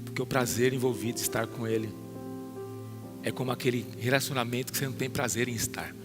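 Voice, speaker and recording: A Brazilian pastor with a Brazilian Portuguese accent preaching a sermon to a congregation, questioning listeners by name and building to loud emphatic peaks. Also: male voice, mid-range voice, fairly even intonation, fast talker, over music. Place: church hall.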